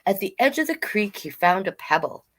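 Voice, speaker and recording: This drag king host reads picture books aloud in a mid-range, sing-song voice with a breathy edge, at normal speed. She keeps things informal, breaking in with chatty asides while reading.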